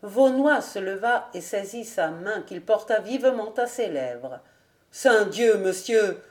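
A woman narrating a classic novel as an audiobook reader, measured and deliberate. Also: mid-range voice, expressive, darkish tone. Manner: slow, measured reading. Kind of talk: scripted narration.

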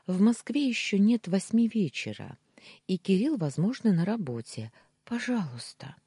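A man voicing a tearful young wife who pleads softly and rattles on when upset, in an audiobook. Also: sits low, sing-song, slow pace, husky, no echo, clean studio sound, full character voice. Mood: pleading. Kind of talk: audiobook character voice.

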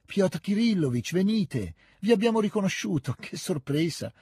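An exuberant young noblewoman, put on by a male reader in a spoken-word novel reading, her lines leaping up high in eager, breathless exclamations. The voice stays very husky under the lift, and the recording is close and dry. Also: sing-song, a little slow, a little mellow, no echo, heavily acted. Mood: delighted.

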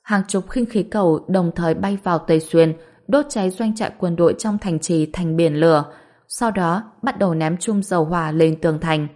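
A woman reading a serialized story as narrator, in a steady, even scripted delivery. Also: fairly low pitch, moderate pace.

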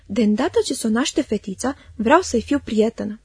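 A stern, imperious old spinster aunt, played by a woman reading an audiobook who barks brusque commands at a deliberate pace. The voice is mellow and a little husky, slightly high, recorded close and dry. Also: expressive, no echo, heavily acted. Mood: brusque, commanding.

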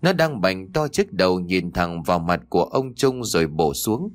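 Deep, dry-voiced male ghost story narrator. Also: very animated, moderate pace, no room sound.

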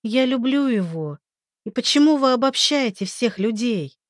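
A woman's voice: a little high, animated, moderate pace, no echo, clean studio sound, voice pushed up, close to an everyday voice. A woman voicing a young heroine who speaks urgently and pleads for her beloved. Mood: defiant.

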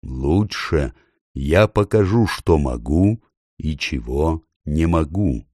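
A man voicing a great golden lion, calm and majestic, speaking slowly and solemnly. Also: very deep voice, no room sound, clean studio sound, heavily acted. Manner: slow, solemn.

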